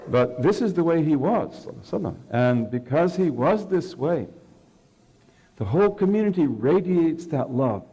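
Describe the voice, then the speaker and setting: A man's voice: a little high, lively intonation, normal speed, warm tone, breathy edge, dull audio. A man giving a religious lecture, telling stories and checking in with the audience with a conversational "okay". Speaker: Islamic scholar lecturing.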